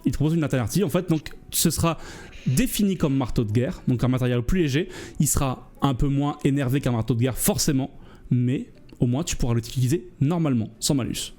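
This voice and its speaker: A man's voice: mid-range voice, brisk, warm tone, soft background music. A man as game master, casually explaining and narrating a tabletop role-playing game in a hesitant, explanatory way.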